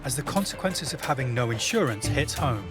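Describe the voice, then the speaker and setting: A man's voice: medium pitch, animated, fairly quick. A man reading scripted documentary narration. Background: loud music.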